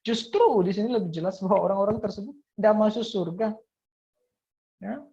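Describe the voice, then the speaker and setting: Woman, Bible teaching monologue, gravelly, dull lo-fi sound. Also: medium pitch, a little fast, warm tone. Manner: repeats "ya" and "nah", reads verses aloud. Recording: dull lo-fi recording.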